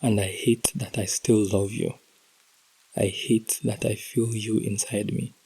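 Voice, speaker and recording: A man hosting a podcast, reading a heartbroken letter aloud in a slow, emotional, intimate delivery that drops to whispers at times. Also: fairly low pitch, little pitch movement, warm tone, husky, poor audio. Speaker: podcast host.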